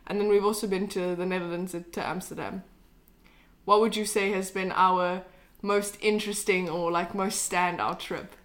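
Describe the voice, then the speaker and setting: A young woman from South Africa hosts a relaxed podcast chat. She talks in a chatty, upbeat way at a mid pitch and keeps drawing her guest in with questions. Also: moderate pace. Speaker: podcast host.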